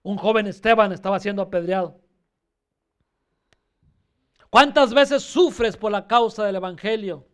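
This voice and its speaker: A man's voice: sits high, moderate pace, a bit bright, clear, resonant tone. A male pastor preaching a fervent sermon, repeatedly calling his listeners brother.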